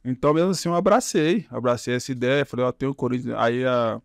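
A man's voice: mid-range voice, fast talker, no room sound, clean studio sound. A Brazilian man with a Brazilian Portuguese accent, a podcast guest telling his story in a rambling, casual way full of tag questions. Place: podcast studio.

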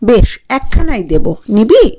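A woman reading the lines of a calm, fond older village father in a storybook recording. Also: fairly high pitch, slow, noisy background. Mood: tender.

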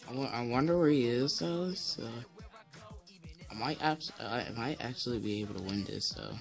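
A deep-voiced teenage boy hosts his channel with casual gameplay commentary, rambling along with lots of fillers and restarts. His voice is gravelly and his pace normal, with faint music playing in the background.

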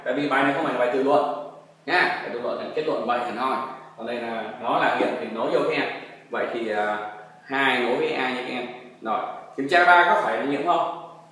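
A man's voice: medium pitch, a bit bright. A man teaching a textbook math lesson, coaxing pupils along with frequent tag questions. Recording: very echoey room, distant mic, faint noise.

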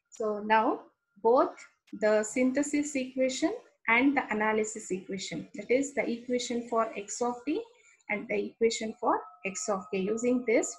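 In a rough recording, a woman lectures on engineering in Indian-accented English, her voice a little high. She works through each step methodically, repeats key terms, and keeps asking "okay" to check in.

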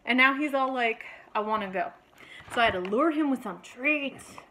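A woman's voice: sits high, moderate pace, pushed and bright, a little hiss or hum. A woman chatting casually in a home vlog, playfully baby-talking to her dog at a table. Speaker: vlogger, dog owner.

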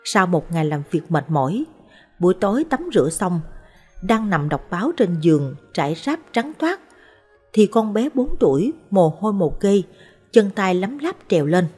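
A woman narrating short life stories in a calm, measured, scripted way. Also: medium pitch, slightly rough. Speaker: storyteller. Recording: soft background music.

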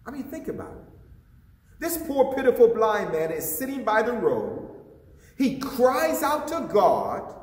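A man's voice: very high-pitched, wildly swooping pitch, measured pace. A man, an associate pastor, preaching a sermon with passion and putting questions to his listeners, recorded in a church sanctuary. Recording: echoey hall, voice from a distance.

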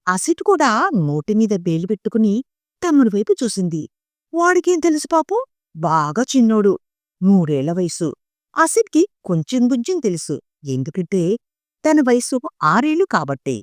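Woman storyteller, slow dramatic reading, animated voice, dry close sound. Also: mid-range voice, no echo. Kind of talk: reading a short story aloud.

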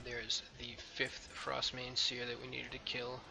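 A man's voice: medium pitch, completely flat delivery, a little slow, creaky, heavy background noise. A man hosting a let's play, talking casually over his game with frequent ums and a loose, rambling manner. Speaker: gameplay video host. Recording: game music playing behind.

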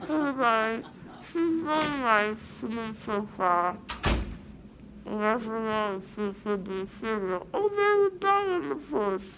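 A young woman, fresh out of wisdom teeth surgery, talks in a loopy, slurred way through a packed mouth. Her high voice drags very slowly and swings up and down. It is a noisy phone recording. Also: sing-song, muffled recording. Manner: slow, loopy, slurred post-anesthesia talk. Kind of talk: casual chat. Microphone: phone at arm's length.

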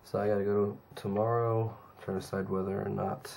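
A young man talking to his own camera in a casual daily vlog, rambling with fillers, hoarse and tired from a cold. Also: flat delivery, a little fast, a little mellow, slight background noise. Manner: low-key, rambling with fillers. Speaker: vlogger.

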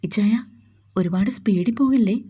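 A woman voicing a gentle, hesitant young woman doctor in a storybook, speaking softly and pleadingly. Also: medium pitch, moderate pace, husky, dull audio, natural voice. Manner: soft, pleading.

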